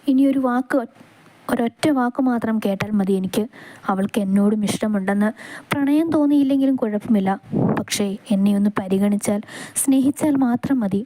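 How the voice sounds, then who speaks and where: A woman's voice: on the high side, normal speed, dry recording, lightly acted. Woman doing a tender young man in love. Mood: pleading. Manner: soft, tender and teasing.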